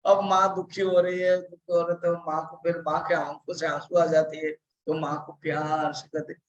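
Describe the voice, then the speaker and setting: A man, a monk, giving a scripture discourse and slowly reciting verses before explaining them. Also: a little high, little pitch movement, lo-fi sound. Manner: slow, deliberate explanation with drawn-out recited verses. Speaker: monk teacher.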